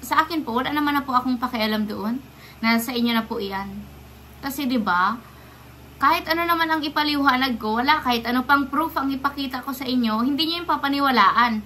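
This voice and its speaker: A woman's voice: a little high, sharp tone, slight background noise. A young woman from the Philippines, vlogging straight to camera, firing off indignant rhetorical questions while staying polite and defiant. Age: young adult. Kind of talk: direct-to-camera rant.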